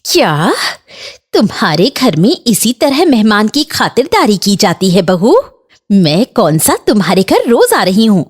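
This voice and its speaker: A woman's voice: mid-range voice, husky. A woman voicing a bossy, demanding older aunt in a Hindi cartoon, complaining and scolding.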